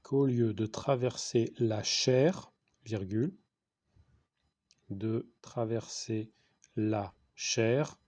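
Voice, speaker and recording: A man's voice: lowish voice, very slow, pauses often, darkish tone, no echo. A man with a French accent reading a dictation to schoolchildren, repeating each phrase and saying the punctuation aloud. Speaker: teacher giving a dictation.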